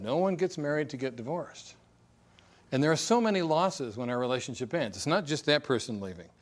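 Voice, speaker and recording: A middle-aged man presenting a divorce recovery seminar in a conversational way, with joking asides and acted-out examples. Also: medium pitch. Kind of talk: recorded seminar talk.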